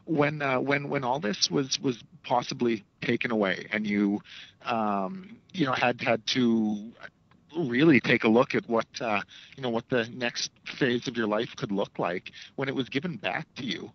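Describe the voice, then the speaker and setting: A man with a mid-pitched voice asks press questions over a dry, muffled phone line. He is hesitant, stammering and rambling as a reporter. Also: measured pace, no echo. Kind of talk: press questions on a conference call. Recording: dull conference phone line.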